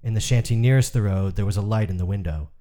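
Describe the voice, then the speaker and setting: A man narrates a literary story in a measured, even way. His voice is very low and sits on the dark, mellow side. He reads without hurry.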